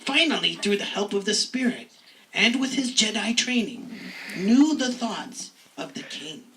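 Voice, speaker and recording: A woman's voice: mid-range voice, expressive, a little slow, a bit bright, far from the mic, slight background noise, rough recording. A woman narrating a story for an amateur puppet show. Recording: recorded away from the mic.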